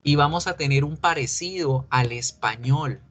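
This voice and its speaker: A man's voice: on the high side, normal speed, a bit bright. A male English teacher explaining grammar patiently in a recorded online class, mixing English examples into his talk and asking and answering his own questions. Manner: asks and answers his own questions aloud, as a student would.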